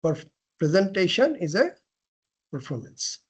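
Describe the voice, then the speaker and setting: A man giving a classroom lecture on presentation skills, asking questions and answering them himself, often clearing his throat and restarting phrases. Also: high voice, sing-song, measured pace. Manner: frequent throat clearing and self-corrections.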